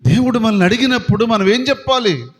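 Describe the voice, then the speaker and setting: A man's voice: extremely high pitch, lively intonation, quick pace. A man preaching a sermon to a congregation. He asks them questions and acts out voices from the story. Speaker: pastor. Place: prayer hall. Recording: long hall reverb.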